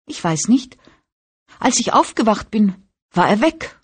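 A woman reading an audiobook, voicing a whiny, tearful young woman of eighteen who rushes her words while crying. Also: mid-range voice, very animated, breathy edge, pitched above the performer's own voice. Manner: whining, sobbing, rushed. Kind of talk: audiobook character voice.

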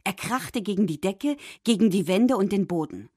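A woman telling a children's story with lively, animated rises and falls. Her voice is slightly husky and breathy, recorded close and dry. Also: mid-range voice, moderate pace, dry recording. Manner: expressive, dramatic reading. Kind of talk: storybook narration.

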